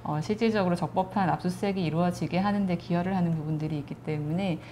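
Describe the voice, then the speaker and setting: A woman in her thirties with a lower, mellow voice lays out legal procedure step by step in a patient, measured way. She speaks as an invited lawyer, with a faint hiss of noise behind her. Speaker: lawyer guest. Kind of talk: explanatory legal commentary.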